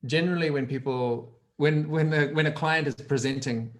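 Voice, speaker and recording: A man's voice: a little high, steady tone, normal speed. A man with a New Zealand accent, a trainer explaining ideas on a video call, often restarting phrases as he thinks. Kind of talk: casual explanation on a group call.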